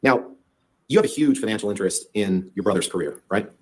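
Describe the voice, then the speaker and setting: A man's voice: fairly low pitch, expressive, fairly quick, a little mellow, a little hiss or hum. A man cross-examining as a lawyer in court, pressing with leading tag questions.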